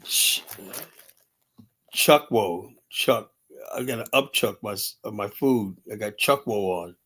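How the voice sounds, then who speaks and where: A man's voice: fairly low pitch, takes it slowly, a bit bright, slightly rough. A man hosting a live stream, talking bluntly and profanely, arguing, with many "you know" fillers. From United States. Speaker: host. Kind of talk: combative live-stream commentary.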